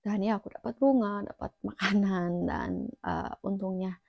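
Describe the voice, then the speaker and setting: A woman's voice: medium pitch, steady tone, moderate pace, creaky, no room sound, dull audio. A young woman casually recounting her own story as a vlogger, chatty and full of fillers, sometimes dropping to a near whisper.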